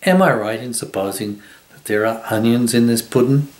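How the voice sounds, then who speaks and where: An older man voicing a courteous, refined koala gentleman. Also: medium pitch, moderate pace, echoey room, lightly acted. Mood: polite. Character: polite, genteel koala gentleman.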